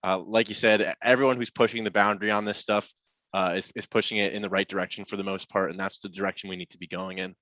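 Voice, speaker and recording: A man with a fairly low voice and a bright, forceful edge leads a casual podcast conversation. He rambles easily, piling up fillers and restarts. His voice sounds dry, with no room echo around it. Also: little pitch movement, fast talker. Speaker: podcast host. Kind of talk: casual chat.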